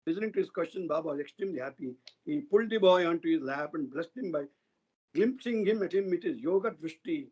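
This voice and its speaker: High-voiced man telling devotional stories. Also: expressive, fast, darkish tone, slightly rough. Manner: earnest, loosely paced retelling of saint stories. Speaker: satsang speaker. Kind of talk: devotional storytelling discourse. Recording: dull lo-fi online satsang audio.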